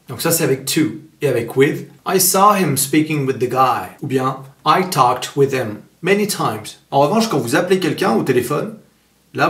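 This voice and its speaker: Homme, prof d'anglais décontracté, pièce résonnante. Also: male voice, mid-range voice, echoey room. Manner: relaxed, many fillers, says English example sentences. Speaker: English teacher. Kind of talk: casual online English lesson.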